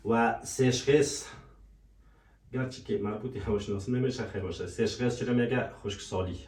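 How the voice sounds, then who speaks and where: A man teaching French vocabulary, repeating each word slowly and asking and answering his own questions. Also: mid-range voice, darkish tone. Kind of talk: language lesson. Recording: echoey room, voice from a distance.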